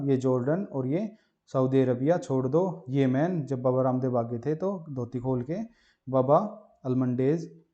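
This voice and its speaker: A man's voice: mid-range voice, dark tone. A male teacher giving an exam-prep geography lesson. He teaches with memory stories, and he keeps asking questions and answering them himself. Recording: muffled lo-fi voice-over.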